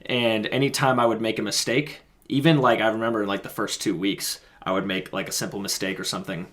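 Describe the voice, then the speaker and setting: A man's voice: lowish voice, fairly even intonation, fast talker, a bit bright. A man in his twenties co-hosting a podcast, telling personal stories in a blunt, slangy, casual way. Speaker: podcast co-host. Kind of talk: casual chat and personal anecdotes.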